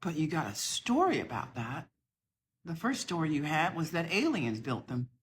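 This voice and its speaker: A woman's voice: deep voice, sing-song, normal speed, breathy edge. A middle-aged woman from the southern United States, talking to camera in an impassioned, emphatic rebuttal to another video. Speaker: social media creator.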